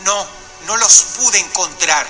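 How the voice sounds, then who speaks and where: A man reading the lines of a frightened little boy calling an emergency line, in a quiet, trembling way. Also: high voice, slow pace, faint music behind, exaggerated voice. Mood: scared.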